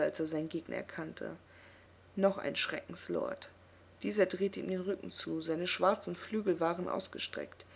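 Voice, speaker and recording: A woman narrating a fantasy novel in a steady, dramatic reading. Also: on the low side, gravelly, a little hiss or hum. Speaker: audiobook reader. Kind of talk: audiobook narration.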